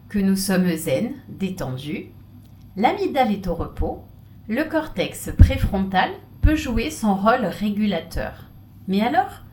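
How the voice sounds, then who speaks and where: A woman's voice: mid-range voice, a little mellow, slight background noise. A woman giving a humorous stage talk, playful and theatrical, with laughing asides. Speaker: conference speaker. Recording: echoey hall, mic from far off.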